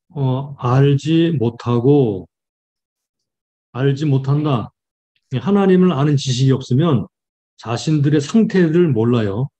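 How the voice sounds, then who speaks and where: A man, a pastor, giving a Bible study lecture, reading verses slowly and explaining them with frequent fillers. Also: mid-range voice, dark tone, highs cut off.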